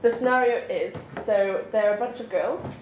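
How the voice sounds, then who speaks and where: A woman's voice: mid-range voice, normal speed, darkish tone, slight background noise. A young woman directing a workshop scene, rambling with many fillers, recorded from afar in an echoey room. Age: young adult. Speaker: student director. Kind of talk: casual briefing. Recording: echoey room, far-off camera mic.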